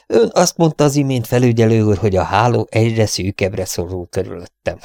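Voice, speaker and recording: A sneering young villain, as a male audiobook reader puts him on, mocking his captives and laughing between threats. The voice sits fairly low with a dry, close sound. He gloats over every word. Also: darkish tone, no room sound, natural voice. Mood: gloating, menacing. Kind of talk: audiobook character reading.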